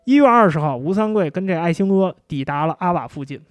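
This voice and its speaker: A man telling history in a casual, chatty way, full of fillers and drawn-out particles. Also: high-pitched, animated, dry recording, soft background music. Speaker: history storyteller.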